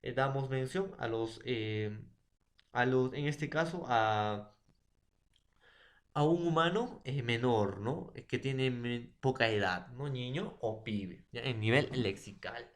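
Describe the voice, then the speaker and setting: A young man presents a lesson. His voice sits at an ordinary middle pitch. He keeps turning to the teacher and checking in with short tag questions, and the room around him echoes. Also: slow pace. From Peru. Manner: addresses a teacher often, with many fillers and tag questions. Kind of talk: classroom presentation.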